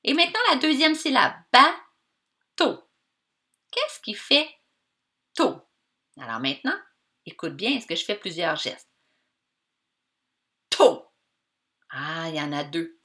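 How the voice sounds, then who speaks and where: A woman teacher with a Québécois accent giving a reading lesson to children, slowly drawing out the sounds in words and encouraging her pupils. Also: fairly low pitch, very animated, bright, forceful tone. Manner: slow, stretched-out sounds of words for young learners; encouraging, addresses pupils directly.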